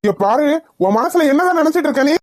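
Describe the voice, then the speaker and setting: Woman voicing a gruff cartoon husband. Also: high-pitched, expressive, fast talker, no room sound, studio quality. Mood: scolding. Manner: gruff, scolding. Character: stern middle-aged village husband. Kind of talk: cartoon voice acting.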